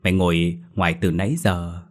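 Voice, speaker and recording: A man's voice: sits low, flat delivery, a little fast, close to an everyday voice. A man voicing a startled village man who questions what happened. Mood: alarmed.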